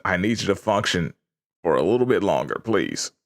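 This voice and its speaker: A man chatting casually on a livestream as its host, halting and self-deprecating, sounding tired. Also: deep voice, expressive. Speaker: live streamer.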